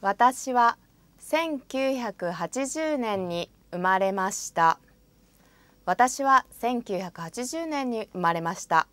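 Her voice sits a little high and sounds animated and slightly bright. Working in a studio, this woman reads sample phrases for a language lesson with careful, deliberate pronunciation, saying every phrase and then saying it again.

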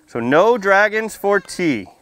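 This man's voice sits high, swinging widely in pitch, and he speaks slowly with a fairly bright tone. He's a firefighter and fire prevention educator in his thirties, reading and chatting warmly and plainly with young children through a face mask under a canopy on a library lawn.

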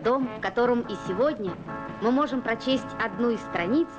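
Casting: female newsreel narrator, fairly high voice, measured storytelling pauses, dull 1980s film sound with music underneath. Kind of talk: scripted newsreel narration for a children's documentary film.

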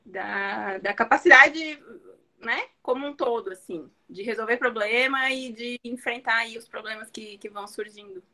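A woman's voice: fairly high pitch, normal speed, pushed and bright. A woman teacher giving earnest, encouraging advice to students in a panel talk, with hesitant restarts.

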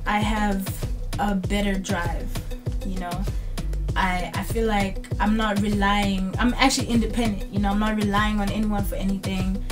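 A young woman from South Africa, a rapper talking casually as a guest in a podcast studio, loose and laughing with many fillers and restarts. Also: mid-range voice. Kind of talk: casual interview chat. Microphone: studio mic on boom arm, headphones. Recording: music bed behind voice.

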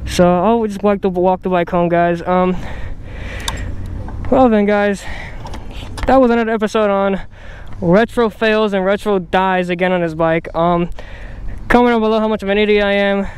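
A man's voice: sits high, steady tone, normal speed, long pauses, a little hiss or hum. A young man vlogging outdoors on a camera mic, swearing and joking at himself while in pain. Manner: swearing, pained and self-mocking. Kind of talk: casual vlog talk to camera.

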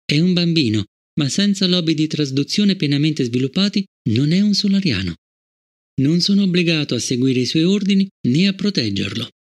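A man reading an audiobook, voicing a cold, relentless male guard robot with a flat, formal manner. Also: fairly high pitch, moderate pace. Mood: stern. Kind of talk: audiobook character voice.

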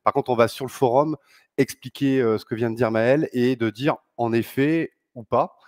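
A middle-aged man talks at an indoor conference with enthusiasm, gesturing and filling pauses as he goes. The sound is dry and close, with hardly any echo. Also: medium pitch, fairly even intonation. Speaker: founder of a sailing channel. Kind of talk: conference talk. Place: large sailing showroom, indoors.

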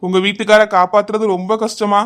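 A man's voice: high-pitched, flat delivery, quick pace, a bit bright, clean tone. A man voicing a stern village doctor in a cartoon comedy, grave and lecturing.

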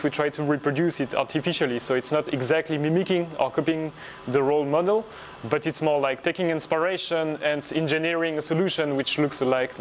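A man in his thirties, a research group leader, explaining his work in a measured way with frequent pauses, filmed in a laboratory. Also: a little high, a little hiss or hum. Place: laboratory indoors.

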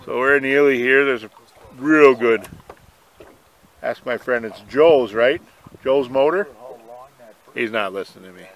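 A man's voice: mid-range voice, a little slow, pauses often. An older man chatting in a rambling, folksy way while filming a fishing trip on a lake. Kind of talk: casual outdoor vlog. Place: outdoors on a boat on a lake. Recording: noisy outdoor camera audio, wind and water.

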